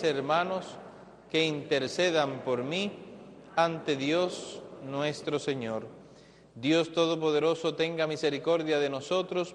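A man, a priest, celebrating Mass in a large church, speaking in a slow, solemn liturgical cadence with a cathedral echo. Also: a little high. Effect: cathedral echo, long church reverb. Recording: echoey church broadcast with long reverb.

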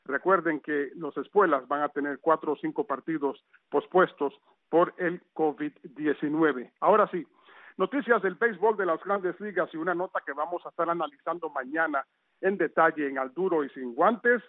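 A man's voice: fairly high pitch, moderate pace, no room sound. A man reading a radio sports news roundup in a conversational way, with chatty asides. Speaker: sports reporter. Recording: tinny phone-line sound.

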